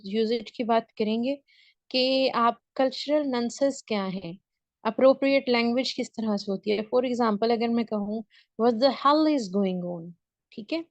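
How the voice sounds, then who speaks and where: A woman from Pakistan with a fairly high voice gives an online lecture for an English speaking class over a video call, recorded dry. She walks through the material step by step and keeps checking that her students are following.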